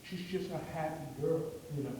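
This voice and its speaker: A preaching student gives a class sermon, telling a story full of fillers and restarts in a mellow voice that's a little high and a little fast. He's captured from far off in an echoey room with faint noise.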